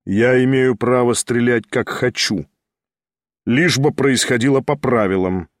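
A man's voice: medium pitch, measured pace, dry recording, studio quality, lightly acted. A man voicing a composed aristocrat at a duel, firm and impatient. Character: cold, composed male aristocrat dueling.

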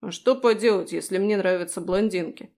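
A woman's voice: medium pitch, brisk, a little mellow, close to an everyday voice. A woman reading an audiobook, voicing a small male guardian fairy who grumbles and teases. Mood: cocky. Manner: grumbling, teasing.

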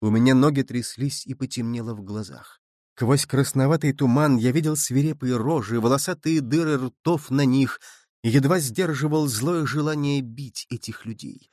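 A man narrates a literary story at a measured, expressive pace. His voice sits mid-range for a man. The recording is close and dry, with no room sound. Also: mid-range voice, no room sound. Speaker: audiobook narrator.

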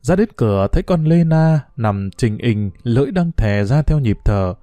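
A man narrating an audiobook in a steady storytelling manner. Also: mid-range voice, moderate pace, no room sound.

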